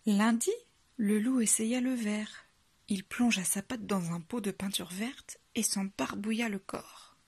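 Soft husky woman reading a bedtime story. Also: mid-range voice. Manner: soft, hushed, unhurried.

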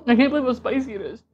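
A woman's voice: a little high, a little mellow, muffled recording, slight background noise. A woman in her thirties talking casually between bites in an eating vlog, recorded on a lapel mic on her living room sofa. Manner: chatty, eating between remarks. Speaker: mukbang vlogger.

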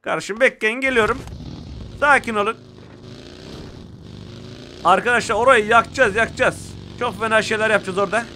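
A man with a Turkish accent giving excitable live commentary while playing a mobile shooter and talking to his viewers. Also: high-pitched, brisk, pauses often, a little hiss or hum. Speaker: mobile game streamer.

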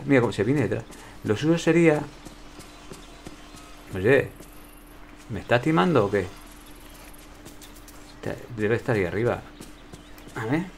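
Playing a video game, a man with a gravelly mid-range voice and a Spain Spanish accent offers casual commentary. He chats with his viewers and himself, and a little background noise can be heard.

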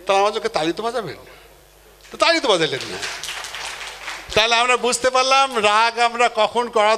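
A man giving a live motivational seminar talk, animated, acting out quoted people and putting questions to the audience. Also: high voice. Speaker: motivational speaker.

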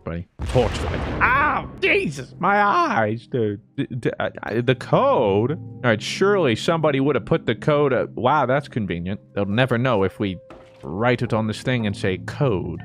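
A young man giving casual, jokey commentary while playing a game, often yelping and exclaiming. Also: mid-range voice. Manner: excitable, jokey, frequent yelps and exclamations. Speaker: gaming YouTuber. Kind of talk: casual Let's Play commentary.

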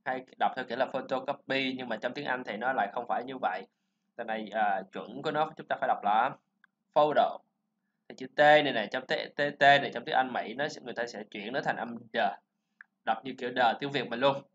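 A man teaching a pronunciation lesson, explaining sounds and repeating words slowly for learners to copy. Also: medium pitch, a bit bright, slight background noise. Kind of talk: classroom-style pronunciation lesson. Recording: slightly dull lo-fi recording.

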